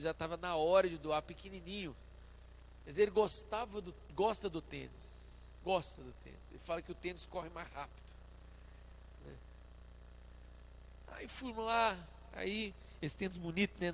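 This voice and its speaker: A man with a Brazilian Portuguese accent, a pastor preaching a sermon at a church service and telling stories in an animated way. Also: on the high side, moderate pace, slight background noise. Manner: animated storytelling, acting out his own past dialogue.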